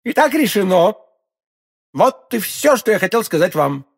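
A man's voice: sits high, huge pitch swings, fast talker, vocal fry, darkish tone, slightly rough, voice pushed up, heavily acted. A man reading an audiobook, voicing a cold, cruel king who speaks curtly. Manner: cold, curt.

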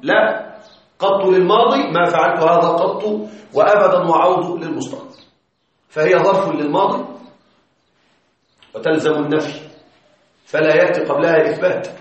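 A man's voice: on the high side, fairly even intonation, normal speed, long pauses. Man lecturing in a very echoey room. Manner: explains step by step, often checks students follow. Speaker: Arabic grammar teacher. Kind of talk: classroom lecture. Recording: echoey, distant, slightly muffled classroom recording.

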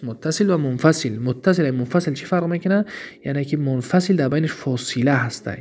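In a recorded Arabic grammar lesson, a Tajik-accented man with a slightly high, slightly mellow voice reads out each example before translating it. He takes his time explaining, posing questions and answering them himself.

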